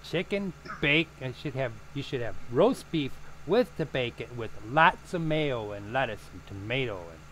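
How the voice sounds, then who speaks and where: A man's voice: mid-range voice, expressive, normal speed, hardly any pauses, a bit bright, a little hiss or hum, low-quality recording. A man streaming a farming game, chatting casually with friends, swearing often and teasing them. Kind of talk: casual gaming chat.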